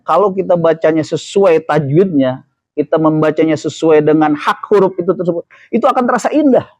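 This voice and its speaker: A man's voice: on the high side, darkish tone, dry recording. A man with an Indonesian accent giving a casual study sermon, chatty and joking as he asks the audience questions. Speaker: ustadz giving a religious study talk.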